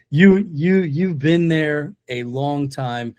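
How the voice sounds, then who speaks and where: Chatty podcast host. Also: male voice, a little high, drawn-out words, darkish tone. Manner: jokey, chatty, many fillers. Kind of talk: casual interview conversation.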